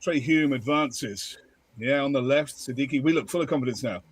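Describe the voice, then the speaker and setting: A man's voice: mid-range voice, moderate pace, slightly rough, no echo. A man co-hosting a football watchalong, calling the play live with jokey asides. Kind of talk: excited live match commentary.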